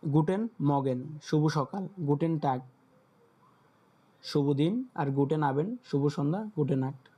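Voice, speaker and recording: Guy teaching online class over a call, patient, keeps checking in, kinda dark mellow voice, slightly high. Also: unhurried, breathy edge. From Bangladesh. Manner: patient, repeats words and checks in with listeners. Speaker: German teacher. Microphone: video call.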